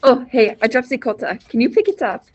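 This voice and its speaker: A woman's voice: a little high, very animated, brisk, darkish tone, breathy edge, dull audio. A woman playing a matter-of-fact, innocent little girl in a comic school stage play, with a dry delivery.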